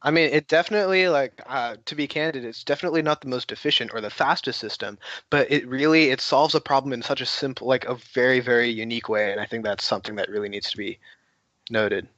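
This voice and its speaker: A man's voice: mid-range voice, fast, a bit bright, no echo. A young man from Oregon chatting casually on a robotics panel, eager and rambling with restarts. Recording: dull dry lo-fi sound.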